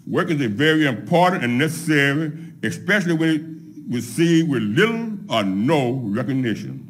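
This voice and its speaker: A middle-aged man preaching a sermon from a pulpit, laying out his points one by one in a measured way. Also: a little high, very animated, husky. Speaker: pastor. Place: church sanctuary at a pulpit, empty pews behind. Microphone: microphone on a pulpit stand.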